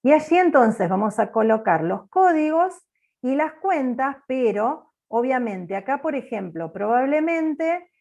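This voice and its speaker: A woman teaching an accounting class over a video call, with a loud, bossy-sounding manner. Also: high-pitched, sing-song, a little slow, creaky, dull audio. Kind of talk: online class lecture.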